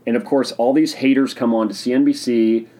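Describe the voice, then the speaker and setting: A man hosting a casual solo podcast, talking in an excitable, rambling, opinionated way while sipping a drink. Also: mid-range voice, fairly quick. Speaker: podcast host.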